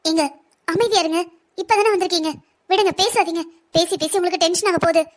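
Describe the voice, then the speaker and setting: A woman's voice: very high-pitched, quick pace. A woman voicing a worried middle-aged mother in a family cartoon, pleading with and soothing her husband and daughter. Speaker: mother of the heroine. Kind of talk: Tamil cartoon voice acting.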